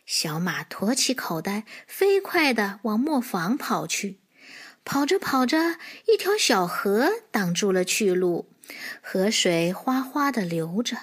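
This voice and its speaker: Slow, expressive woman telling a children's story. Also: mid-range voice, slightly rough.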